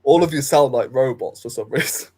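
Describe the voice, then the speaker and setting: A man's voice: mid-range voice, brisk, warm tone, low-quality recording. A man hosting an online football panel, asking questions in a hesitant, repeating way. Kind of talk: casual football chat.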